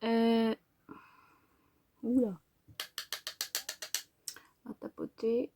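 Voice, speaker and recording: Slow, gravelly-voiced French woman doing makeup. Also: fairly high pitch, level tone, noisy background. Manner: soft-spoken, often drops to a whisper; hesitant, many fillers. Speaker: makeup vlogger. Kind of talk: makeup tutorial narration.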